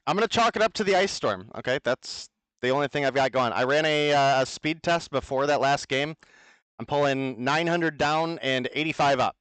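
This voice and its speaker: Blunt, energetic male esports caster. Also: medium pitch, normal speed, clear, resonant tone, dry recording. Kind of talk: play-by-play commentary. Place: at home, remote over the internet.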